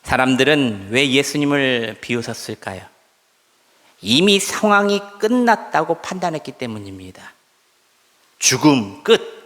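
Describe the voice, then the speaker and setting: A man's voice: medium pitch, animated, moderate pace, fairly bright tone. Man preaching in a reverberant sanctuary. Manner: emphatic preaching, leads congregation in call-and-response reading. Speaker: pastor. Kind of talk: sermon. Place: church sanctuary. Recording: long church hall reverb.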